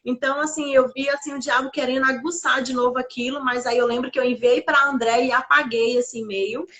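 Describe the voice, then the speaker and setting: Mulher de voz aguda dando testemunho. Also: female voice, high-pitched, fairly even intonation, fairly quick, a bit bright. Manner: earnest, many fillers like "assim" and "né". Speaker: guest sharing her testimony. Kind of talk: emotional personal testimony.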